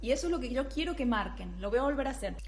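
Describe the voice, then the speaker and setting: Brief: young female flute teacher, fairly high voice, patient and explanatory, frequent check-ins. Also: expressive, rapid-fire. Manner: scat-sings rhythms between phrases. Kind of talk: music tutorial.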